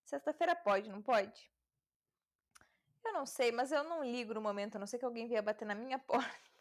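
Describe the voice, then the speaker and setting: Speaking briskly in a voice on the high side, a woman runs a homemade podcast from her home late at night. Using a home mic, she reads fairy tales with casual, irreverent commentary, swearing a lot and laughing at her own remarks.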